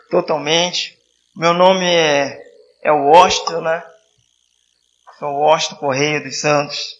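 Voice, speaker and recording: Bright-voiced missionary man preaching. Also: fairly high pitch. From southern Rio de Janeiro state, Brazil. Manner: conversational, repeats and restarts, asks the congregation "né?". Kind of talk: sermon. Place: church hall.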